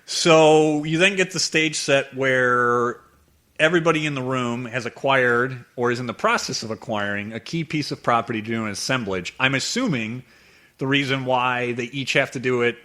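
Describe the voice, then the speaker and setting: Bright-voiced man co-hosting a podcast. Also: mid-range voice, moderate pace. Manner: animated, builds jokes with mock quotes. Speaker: podcast co-host. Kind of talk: casual chat about a movie.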